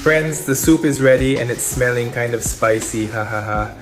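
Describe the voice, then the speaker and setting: A man's voice: mid-range voice, moderate pace. A man vlogging casually, commenting on food and family for his viewers. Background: music, clinking dishes.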